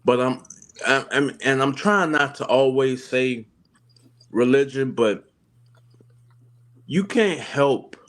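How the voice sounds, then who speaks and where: A man co-hosting a casual relationship talk, reflective and halting as he works through his thoughts. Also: mid-range voice, a bit bright. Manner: reflective, halting with fillers and restarts. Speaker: co-host of a relationship channel.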